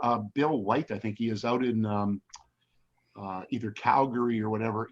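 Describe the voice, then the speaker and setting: An older man hosts a casual interview, restarting his questions and repeating words as he goes. His voice sits at an ordinary mid pitch, and the recording sounds a bit dull and lo-fi. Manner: halting, repeats words while starting questions. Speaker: interview host.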